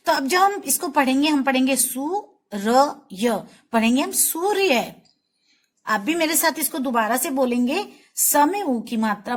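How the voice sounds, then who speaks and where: A woman teacher giving a spelling lesson to young children, patiently stretching out each syllable and repeating words for them to say back. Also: high voice. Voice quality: slow, drawn-out syllable-by-syllable pronunciation.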